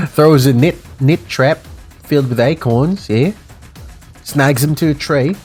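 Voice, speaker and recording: A man's voice: medium pitch, lively intonation, unhurried, a little mellow, husky, soft background music. A man putting on a jokey, exaggerated Kiwi-Australian twang with playful slang.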